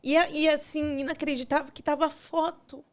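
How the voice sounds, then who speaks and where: A woman's voice: high-pitched, level tone, brisk. A woman, a podcast guest, tearfully telling a painful personal story and acting out each exchange in quoted dialogue. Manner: retells scenes with quoted dialogue, voice breaking softly.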